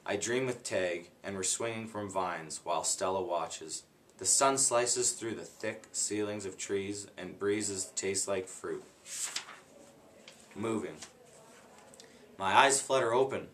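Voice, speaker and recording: A man reading a children's book aloud in an unhurried, plain way, stopping now and then to redo a slip. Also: deep voice, fairly bright tone. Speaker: guest reader.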